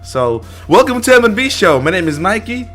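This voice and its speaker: A man's voice: sits high, sing-song, a little fast, a bit bright, soft background music. A young man from Ukraine with a Russian accent, co-hosting a casual gaming stream in a rambling, jokey, crude way. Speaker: podcast co-host.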